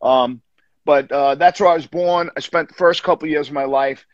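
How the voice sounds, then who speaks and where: A man's voice: on the high side, moderate pace, no room sound. New York man on a dull, dry call. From Long Island, New York. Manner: relaxed, rambling with many restarts and fillers. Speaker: guest musician. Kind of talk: casual interview chat. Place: home room, indoors. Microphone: video call. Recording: dull lo-fi video call audio.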